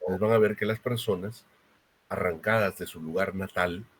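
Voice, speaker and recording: A man's voice: low-pitched, fairly even intonation, moderate pace, husky. A man giving a university lecture, explaining step by step and often checking in with a tag question.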